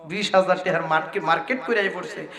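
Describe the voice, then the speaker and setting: A man's voice: high-pitched, fast talker, over music. A man preaching an Islamic sermon, moving between melodic chanted verses and spoken talk and calling the crowd to answer back. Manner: alternates melodic chanting and talk, urges crowd to respond aloud. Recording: echoey loudspeaker sound with crowd behind.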